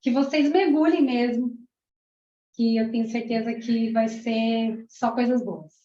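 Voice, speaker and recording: A woman's voice: fairly high pitch, a little slow, a little hiss or hum. A woman from Argentina, a parapsychologist and teacher in her thirties, giving an emotional, chatty testimonial to a class. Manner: warm, emotional, chatty, many "né"s. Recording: roomy, dull lo-fi room sound.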